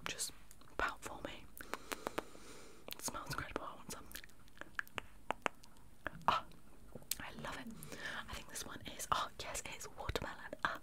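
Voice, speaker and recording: A young woman in a whispered role-play, speaking close to the mic in a fast, aggressive, chaotic ASMR manner with repeated words. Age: young adult. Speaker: ASMR makeup artist role-play host. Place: small indoor bedroom. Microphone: close fluffy-covered microphone.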